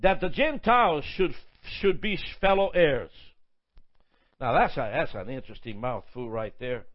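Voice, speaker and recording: A man's voice: mid-range voice, lively intonation, normal speed, lo-fi sound. A man preaching a sermon, listing points emphatically, often stumbling and repeating words.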